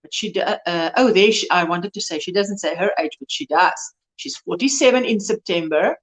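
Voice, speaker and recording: A woman's voice: fairly low pitch, fairly quick. A woman in her early fifties hosting a live crochet chat. She talks casually, reads and answers viewers' comments, and laughs often. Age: 50s.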